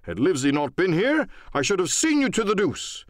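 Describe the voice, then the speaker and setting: A man voicing a blustering, indignant country squire in an audiobook drama, excitable, pompous and emphatic. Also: sits high, fairly quick, no echo, studio quality, voice pushed up. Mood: huffy. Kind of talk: audiobook radio-play acting.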